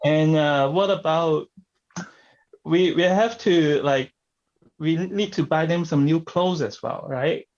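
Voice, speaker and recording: Slow, halting man doing improv. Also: a little high, darkish tone, dull audio. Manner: halting, searching for words. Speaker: improv comedy performer. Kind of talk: improvised comedy scene on stage.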